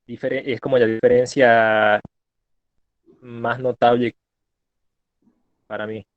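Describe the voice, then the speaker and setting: A male student speaking up in an online class over a choppy connection that cuts out, hesitant and halting with many fillers and restarts. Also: mid-range voice, level tone, no room sound. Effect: choppy online call connection, cutting out. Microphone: video call. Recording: tinny, dry call audio.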